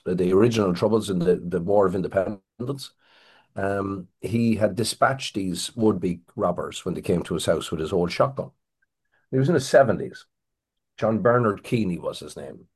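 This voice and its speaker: A man's voice: sits low, darkish tone, husky. A middle-aged Irish man, a crime writer, telling a long rambling story in an interview, with frequent restarts. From Ireland.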